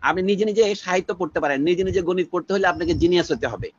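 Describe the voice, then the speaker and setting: A man's voice: high-pitched, very fast, slightly rough, no room sound, muffled recording. An older man from Bangladesh giving long, wry, discursive interview answers that drift through proverbs and remembered textbook lines. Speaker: interviewee, scholar.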